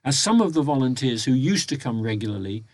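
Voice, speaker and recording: Man, mid-pitched voice, formal measured report reading, dry closet-like home recording, no room echo. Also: big pitch swings, darkish tone. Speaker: volunteer reporting to members of a local talking newspaper. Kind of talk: prepared spoken annual report, read aloud. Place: home recording inside a wardrobe, close and muffled by soft surroundings.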